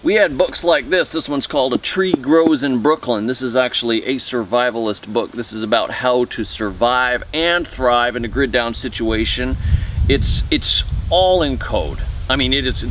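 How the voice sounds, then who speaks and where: A man hosting a comedic prepper video, delivering a deadpan monologue in a conspiratorial way, his pitch jumping up and down. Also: noisy background. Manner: conspiratorial, jumpy pitch swings.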